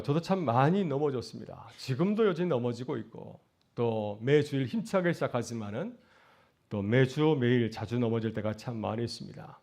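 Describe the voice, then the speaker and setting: A man's voice: mid-range voice, creaky, a little mellow. A middle-aged man, a pastor, preaching a sermon earnestly, asking rhetorical questions and rising to emphatic peaks.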